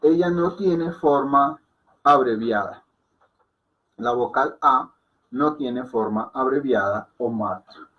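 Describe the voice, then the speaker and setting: A man teaching a class, explaining patiently and repeating words slowly, often checking with "ok?". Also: mid-range voice, highs cut off. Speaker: Hindi teacher.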